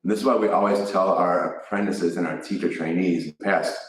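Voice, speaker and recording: A low-voiced man with a Chicago accent tells a meandering story about teaching yoga. He talks casually and keeps restarting his sentences. He sounds a little far from the mic in a very echoey room. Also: steady tone, fairly quick. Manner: rambling, self-correcting anecdote with laughs.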